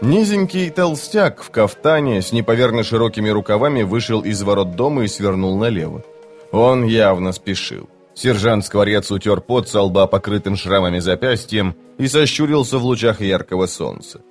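A man narrating a fantasy audiobook in a measured, steady way. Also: lowish voice, faint music behind.

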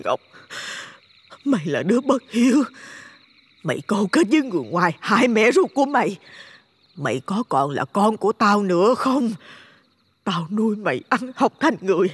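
A man's voice: high-pitched, big pitch swings, moderate pace, long pauses, a bit bright, husky, no echo, pitched above the performer's own voice, full character voice. A man doing a shrieking, crazed witch mother. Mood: wailing. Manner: shrieking, wailing, alternately cursing and begging. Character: crazed vengeful middle-aged mother, witch. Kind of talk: storytelling with character voices.

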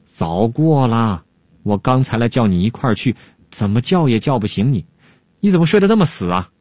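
Storybook role: a crafty court jester, drawling and teasing, husky and animated, put on by a male storyteller. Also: lowish voice, normal speed, no room sound, clean studio sound. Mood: sly. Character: sly unhurried witty male court jester.

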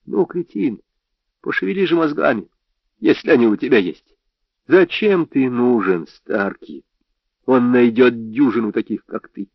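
A man's voice: medium pitch, lively intonation, unhurried, no room sound, pitched above the performer's own voice. A man voicing a brash, scornful private eye in an audiobook, goading and sneering as he talks. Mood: taunting. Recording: dry, slightly dull audio.

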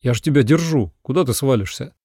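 A man's voice: medium pitch, lively intonation, fast, a little mellow, no room sound, studio quality, natural voice. A man voicing a cocky, teasing young bridegroom in an audiobook, with a smug manner. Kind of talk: audiobook character voice.

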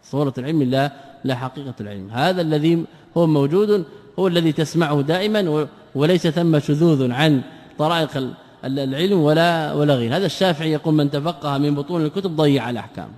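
A man's voice: fairly high pitch, fast, darkish tone. A man teaching a religious class, asking rhetorical questions and repeating key phrases as he explains texts word by word. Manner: explains word forms and grammar step by step. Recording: long echo of a hall.

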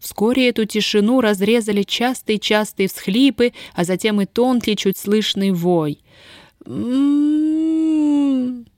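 Женщина-чтец размеренно читает художественный рассказ. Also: female voice, mid-range voice, normal speed, hardly any pauses, dry recording, clean studio sound. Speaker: audiobook narrator. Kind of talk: scripted story narration.

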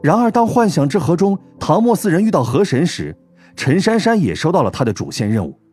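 A man narrating an audiobook in an expressive storytelling manner. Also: a little high, a little fast, soft background music. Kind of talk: scripted narration.

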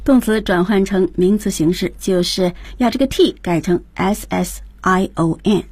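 A woman's voice: medium pitch, normal speed, darkish tone, slightly rough, dry recording. A woman co-hosting a radio English lesson, introducing each new word and summing up what the teacher said. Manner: prompts the next word and recaps the teacher. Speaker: radio co-host. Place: radio studio.

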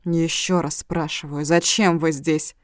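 A woman's voice: on the low side, steady tone, normal speed, darkish tone, smooth, no echo, clean studio sound, close to an everyday voice. A woman voicing a ruthless male gang leader who speaks coldly and threateningly. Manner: cold, threatening.

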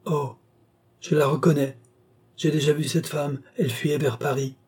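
A man playing a young woman in a trance, seeing far-off things and reporting them in short, halting phrases. The reading voice is mellow and a bit husky. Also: fairly high pitch, steady tone. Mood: entranced. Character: entranced young woman seer, wide-eyed and fearful. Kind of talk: audiobook reading.

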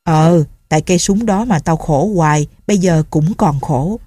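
A woman's voice: low-pitched, normal speed, slightly rough, dry recording. A woman voicing an angry old male village official who scolds his household. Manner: shouting and scolding.

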